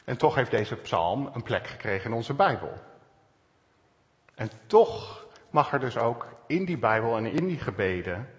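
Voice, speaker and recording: Guy giving a thoughtful sermon, voice rises and falls a lot, long hall echo. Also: medium pitch. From Netherlands. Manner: calm, searching, with pauses and stresses. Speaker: preacher. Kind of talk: reflective sermon.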